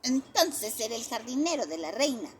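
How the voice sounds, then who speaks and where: A woman's voice: fairly high pitch, big pitch swings, normal speed, very noisy, pitched above the performer's own voice. A woman voicing a stubborn, boastful four-year-old boy who insists he will be king, in a storybook reading. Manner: stubborn, triumphant. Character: boastful little boy dreaming of being king.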